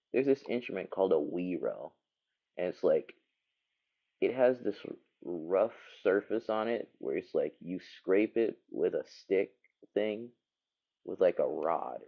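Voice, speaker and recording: This livestreaming animator talks through his work in a casual, rambling way, his low voice thick with gravelly fry. He sounds expressive and a little slow, and the recording comes across slightly muffled and dull.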